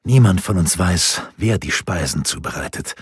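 A man voicing a calm, grave imprisoned nobleman in an audiobook, measured and sober. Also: sits low, husky, no echo, studio quality, voice pushed down, full character voice.

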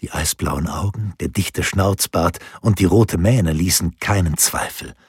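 Deep raspy guy narrating an audiobook, steady, dry close sound. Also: a little slow, dry recording.

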